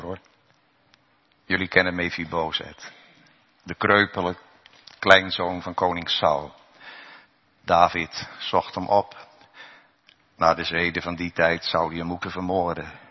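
Low-voiced preacher in a reverberant church. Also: male voice, flat delivery, a little slow, long pauses. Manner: swings from loud raised preaching to low hushed tones. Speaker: pastor. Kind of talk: sermon. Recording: dull lo-fi church recording with long reverb.

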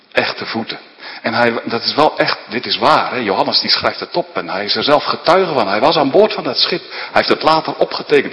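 Preaching in a large hall with long reverb, a man retells a Bible story vividly and dramatically, firing rhetorical questions at his listeners and tagging lines with "hè." His medium-pitched voice sounds pushed and bright.

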